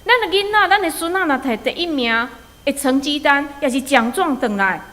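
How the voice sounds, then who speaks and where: A woman's voice: high-pitched, animated, normal speed, pushed and bright. A woman with a Taiwanese accent preaching a sermon, telling stories and urging listeners with rhetorical questions. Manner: storytelling, exhorting with rhetorical questions. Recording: long hall reverb.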